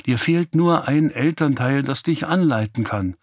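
A man voicing a tired mother who works in a mine, soft and caring with a little sternness, in dry audiobook narration. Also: medium pitch, animated, a little slow, no room sound. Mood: tender. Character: weary, gentle mother working in a mine.

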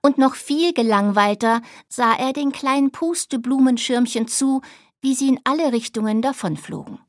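A woman narrating a children's story with a gentle, deliberate reading manner. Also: fairly high pitch, no room sound, clean studio sound.

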